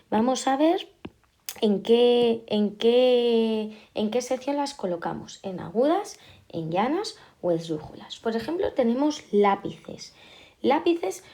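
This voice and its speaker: A woman teacher, patiently explaining a lesson and repeating key words slowly. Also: on the high side, warm tone. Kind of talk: classroom explanation.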